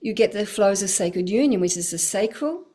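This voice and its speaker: Warm and lively, this middle-aged guest's medium-pitched voice moves at a normal speed as she talks casually about spiritual healing. She's a spiritual teacher, earnest yet flowing, with frequent laughter.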